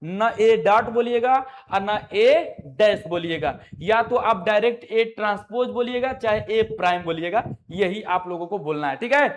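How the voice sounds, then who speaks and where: A man's voice: sits high, moderate pace, hardly any pauses. A male maths teacher giving a classroom lesson, coaxing students and repeating his questions back to them.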